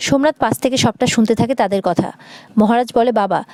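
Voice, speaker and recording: A woman narrates an episode recap in brisk, scripted storytelling. Her delivery is very fast and a bit high. The recording is close and dry. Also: darkish tone, no echo.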